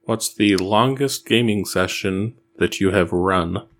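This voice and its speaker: Low-voiced man asking plain questions. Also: takes it slowly. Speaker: interviewer.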